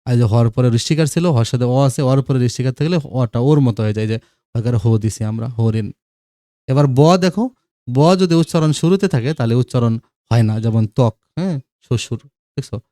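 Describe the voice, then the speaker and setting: Male teacher, mellow voice. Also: medium pitch, fast talker, no room sound, studio quality. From Bangladesh. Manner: explanatory, repeats examples, checks understanding with asides. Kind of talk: classroom grammar lesson.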